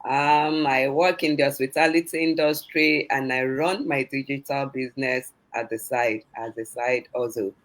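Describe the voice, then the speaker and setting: A woman from Nigeria, giving a cheerful, relaxed introduction on a live show. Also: extremely low pitch, normal speed, hardly any pauses. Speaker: guest panelist.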